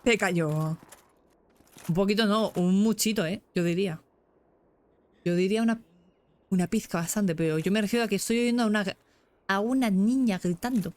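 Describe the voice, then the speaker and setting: Excitable young Spanish woman streaming. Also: mid-range voice, moderate pace, long pauses. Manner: chatty and excitable, breaks into squeals. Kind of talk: casual gameplay commentary.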